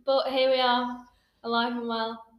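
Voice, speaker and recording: A woman's voice: fairly high pitch, flat delivery, unhurried, highs cut off. A 21-year-old woman from England, hosting a casual podcast chat and talking in a friendly, rambling way. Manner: chatty, laughs often, uses "like" a lot. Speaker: podcast host. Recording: roomy echo.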